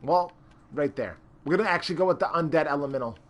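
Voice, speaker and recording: A man's voice: fairly high pitch, quick pace. A man streaming a character-creation game, rambling with lots of fillers and greeting chat viewers. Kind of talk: casual live-stream commentary.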